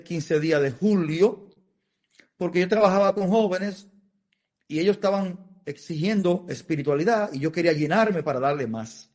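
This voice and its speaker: A middle-aged Dominican priest from the Dominican Republic speaks in Dominican Spanish, his male voice slightly high yet darkish in tone. Giving interview testimony, he tells stories earnestly and emotionally, with repetitions.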